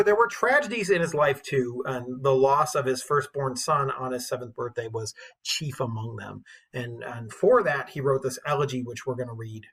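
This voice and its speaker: With a fairly bright tone and a mid-range voice, the husky English teacher tells stories to his class. His lecture is informal, enthusiastic, and colloquial.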